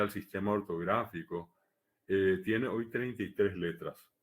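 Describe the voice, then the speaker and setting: A man giving a live academic lecture, measured and explanatory, pausing often on hesitation fillers. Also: lowish voice. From Paraguay. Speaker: lecturer on the Guaraní language.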